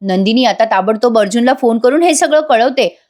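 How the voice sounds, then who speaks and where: A woman's voice: on the high side, expressive, brisk, a little mellow. Chatty woman recapping a soap. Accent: Marathi. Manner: chatty, addresses viewers directly. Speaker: TV serial reviewer. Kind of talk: voice-over episode recap.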